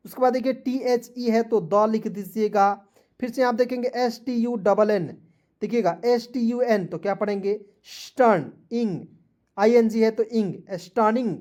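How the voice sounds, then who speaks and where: A man's voice: high-pitched, darkish tone. A male teacher giving an online English spelling and pronunciation lesson, spelling words letter by letter and often checking that his viewers follow. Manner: spells words out letter by letter, repeats them slowly; constantly addresses viewers as friends, checking "clear?".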